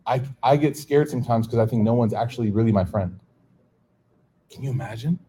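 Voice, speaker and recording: In a mid-range voice with a breathy edge, a middle-aged American man talks fairly quickly through an informal sermon for a live audience. He's an animated storyteller who acts out dialogue and laughs often.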